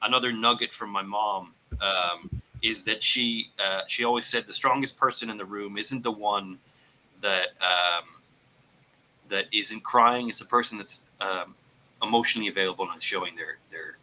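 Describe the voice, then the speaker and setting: An earnest man co-hosting a casual talk about mental health. His voice is very bright and forward, and he often repeats words as he gathers his thoughts. Now and then he acts out examples in a put-on voice. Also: lowish voice, moderate pace, poor audio. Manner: puts on voices to act out examples. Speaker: podcast co-host.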